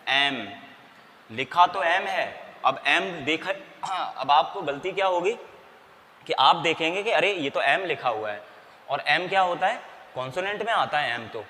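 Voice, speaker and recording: A man's voice: on the high side, pushed and bright. A man teaching an English grammar lesson in Hindi, asking and answering his own questions and spelling out letters. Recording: long reverb, faint background noise.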